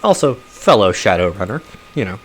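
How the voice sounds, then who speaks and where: A man's voice: fairly low pitch, very animated, moderate pace. A man streaming a game live, chatting casually with frequent chuckles and fillers. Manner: chuckles often, loose with fillers.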